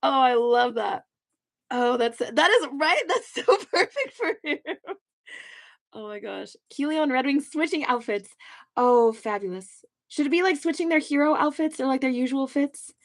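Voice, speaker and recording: A young woman, a webcomic artist, chatting casually and giddily on a livestream while she draws. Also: fairly high pitch. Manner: bubbly, giddy, chatty.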